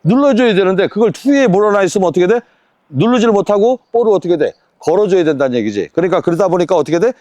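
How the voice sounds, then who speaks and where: A man coaching a tennis lesson on court, counting drills and firing quick rhetorical questions at his student. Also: high-pitched, sing-song, darkish tone, dry recording.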